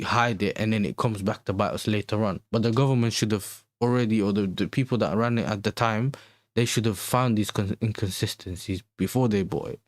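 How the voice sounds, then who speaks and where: This man from the Netherlands has a London accent and a slightly low voice, recorded dry and close. A football fan hosting a casual livestream, he chats with viewers in a slangy, conversational way, often circling back to repeat his own phrases.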